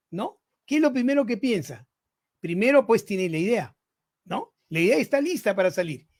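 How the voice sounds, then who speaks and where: High-voiced man in his sixties lecturing. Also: a little mellow. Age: 60s. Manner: rhetorical, keeps asking listeners "¿no?". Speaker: physician podcast speaker. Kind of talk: lecture-style podcast talk to listeners.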